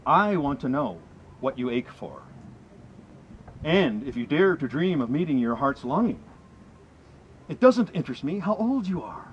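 A middle-aged poetry reader and presenter delivers verse to a small gathering in the woods, speaking at medium pitch with big swings in his intonation. His phrasing is earnest, deliberate, and emphatic. The sound, picked up by a camera mic several meters off, is slightly muffled, with faint background noise.

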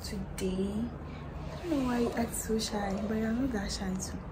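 A woman's voice: on the high side, moderate pace. A young woman from Ghana chatting casually to viewers in a vlog, playful and talkative. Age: 20s. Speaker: vlogger. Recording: music and crowd noise behind.

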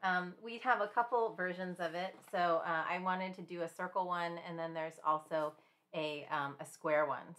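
A woman teaching a live-streamed finger painting class in a chatty, gentle way, with many fillers and small laughs. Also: low-pitched. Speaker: art instructor.

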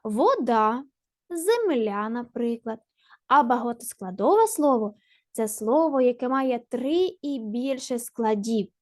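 A woman's voice: a little high, animated, unhurried, darkish tone, no echo, studio quality. A woman teacher giving a primary school language lesson, patient and encouraging, asking questions and answering them herself. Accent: Ukrainian.

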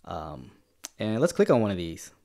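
A man's voice: deep voice, very animated, moderate pace, vocal fry, darkish tone. A man hosting a casual livestream, guiding the talk and prompting his guest with questions. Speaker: channel host.

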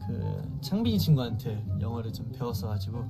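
Fast, animated man in a casual interview. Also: mid-range voice, gravelly, music in the background.

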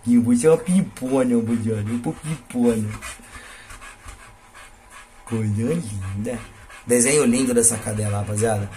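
This casual vlog features a Brazilian Portuguese–accented man, a dog breeder, talking playfully to his audience and using cooing baby talk with his dogs outside at the kennel. His voice is mid-range with a dark tone, and he speaks fairly quickly.

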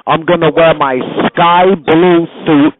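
Casting: forties man, crude rambling chat-line caller, a bit high-pitched, singsong. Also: steady tone, slow pace, narrow, tinny audio, noisy background. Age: 40s.

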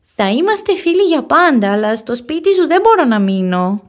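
A woman voicing a stubborn young boy bunny in a storybook reading, shrill and whiny. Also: sing-song. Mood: earnest.

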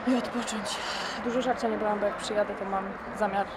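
A Polish woman in her twenties vlogs casually to her camera, rambling in an offhand, slangy way as she moves through streets, a platform, and onto a train. Her speech is brisk with fairly even intonation. The handheld camera mic, held at arm's length, picks up noise, traffic, and travel rumble.

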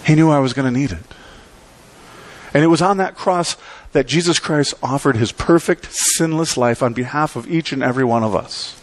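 A middle-aged pastor preaching an animated sermon from a church pulpit, with dramatic pauses and sweeping gestures. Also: male voice, medium pitch.

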